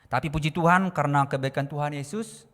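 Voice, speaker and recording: A man giving a testimony in a church service. He speaks fervently and sometimes shouts prayers. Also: fairly high pitch, brisk, in a large hall. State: recovering from illness. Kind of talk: sermon testimony.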